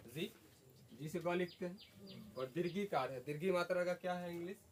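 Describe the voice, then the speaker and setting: Leading a class, this man puts questions to his students and echoes what they answer. He speaks at normal speed in a high-pitched voice, with crowd noise around him and faint background noise on the recording.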